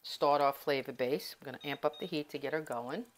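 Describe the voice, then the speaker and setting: A woman's voice: extremely low pitch, a little fast, poor audio. Chatty woman talking through her cooking. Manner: chatty, rambling and confiding. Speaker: home cooking vlogger. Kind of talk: casual cooking demonstration. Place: home kitchen.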